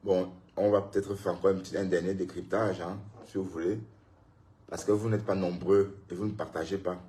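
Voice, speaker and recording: Low-voiced man scolding on a live stream. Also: level tone, brisk, dark tone. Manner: scolding, addresses viewers and critics directly. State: tired. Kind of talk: casual live-stream rant.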